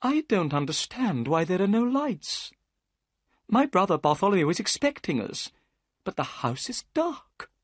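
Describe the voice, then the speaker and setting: An excitable, chattering gentleman, as a storyteller plays him talks in a raised, lively voice full of eager swings. The tone is a little breathy and recorded close and dry. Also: medium pitch, measured pace, no echo, pitched above the performer's own voice. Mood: nervous. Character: nervous, talkative middle-aged gentleman.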